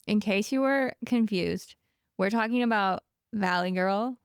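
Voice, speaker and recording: Chatty woman, gravelly edge. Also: medium pitch, dry recording, studio quality. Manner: chatty, quick asides, wry. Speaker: podcast co-host. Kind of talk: casual podcast chat.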